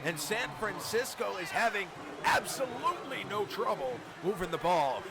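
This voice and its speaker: A man's voice: high voice, big pitch swings, moderate pace. A man giving American football play-by-play commentary in a dramatic, emphatic broadcaster style. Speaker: play-by-play commentator of a football video game league stream. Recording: clear background noise.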